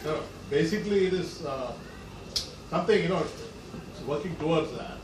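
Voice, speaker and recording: A man's voice: on the high side, moderate pace. A man in an audience giving a hesitant, spontaneous answer to a quiz. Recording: distant, echoey, noisy room.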